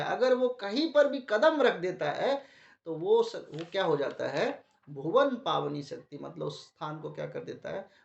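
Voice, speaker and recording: A preacher with a sore throat gives a devotional talk to a gathering, posing questions to the audience and answering them himself. His voice is a little high and creaky, and the recording sounds muffled in an echoey room.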